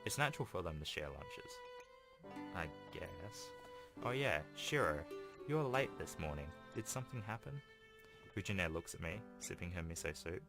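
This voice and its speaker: A man hosts a gaming video, casually reading a visual novel aloud and tossing in informal, offhand asides between passages. His voice sits low and gravelly, expressive at a moderate pace. Game music plays behind him.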